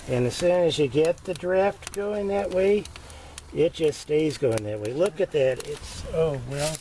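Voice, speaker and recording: An older man giving a casual do-it-yourself demonstration inside a small greenhouse, talking in an unhurried, folksy way full of fillers. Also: a little high, warm tone. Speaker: homesteader showing his build. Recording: noisy camera audio.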